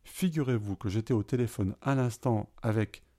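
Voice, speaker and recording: A man's voice: medium pitch, normal speed, mellow, lightly acted. A man reading a story aloud, voicing an eccentric professor who swings from hesitant to grandiose. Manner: hesitant, then exalted and solemn.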